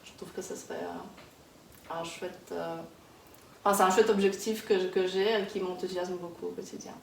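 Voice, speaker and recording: Softly pitched woman, distant in an echoey room. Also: steady tone, moderate pace, creaky. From Kazakhstan. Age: 30s. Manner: hesitant, many fillers and restarts. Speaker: interviewee, early childhood worker. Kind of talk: casual interview. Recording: echoey room, distant mic, background noise.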